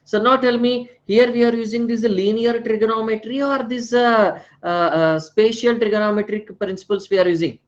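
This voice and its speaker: A man with an Indian accent and a high-pitched voice teaches an online class. He repeats his points, often ending them with little check questions, and slips Hindi words into his English. The audio is a bit dull and lo-fi. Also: moderate pace, hardly any pauses. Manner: repeats phrases, frequently tags questions with right and na. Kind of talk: live online lecture with frequent check questions.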